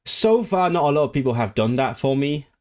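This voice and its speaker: A man's voice: medium pitch, very animated, fairly quick. A man whose first language is not English, musing casually on a livestream and answering viewer comments. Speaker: language-learning streamer.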